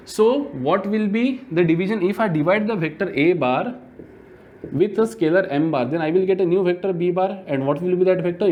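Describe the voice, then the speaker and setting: Chatty Hindi-physics teacher. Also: male voice, fairly high pitch, dull audio. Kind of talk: classroom lecture.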